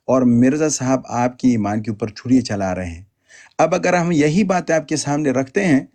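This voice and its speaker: A man's voice: medium pitch, dark tone. A man giving emphatic, polemical religious commentary, often stammering and repeating words.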